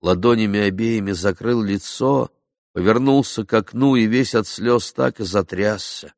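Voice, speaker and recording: A man reading a first-person literary audiobook as narrator, dramatic and emotional, slowing for emphasis. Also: fairly low pitch, darkish tone, no room sound, clean studio sound.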